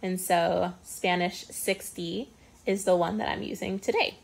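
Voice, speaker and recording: A woman speech-language pathologist giving a casual step-by-step software tutorial, explaining as she clicks, with frequent ums. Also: lowish voice, steady tone, unhurried, gravelly, breathy edge. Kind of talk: screen-recorded software tutorial.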